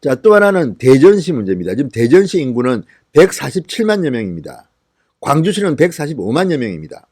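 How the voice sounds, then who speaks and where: A man's voice: mid-range voice, very animated, a little fast, a little mellow, dry recording, studio quality. A middle-aged man from the Gyeongsang region hosting a political commentary show, speaking indignantly and firing off rhetorical questions. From Gyeongsang region, South Korea.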